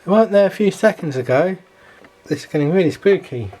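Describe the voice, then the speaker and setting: A man's voice: high-pitched, expressive, a little fast, a little mellow, soft background music, pitched above the performer's own voice. A man voicing a spooked railway watcher, eerie and mock-amazed, in a hobby video. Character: spooked railway watcher marvelling at ghostly happenings.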